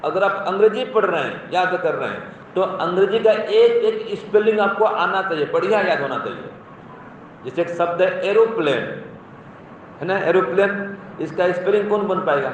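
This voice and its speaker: High-voiced man lecturing students in echoey hall. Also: animated, moderate pace, slight background noise. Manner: teacherly, questions and praises students, repeats points. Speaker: speaker addressing school students. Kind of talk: moral talk to a class. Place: school hall or classroom. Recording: very echoey, distant, muffled room recording.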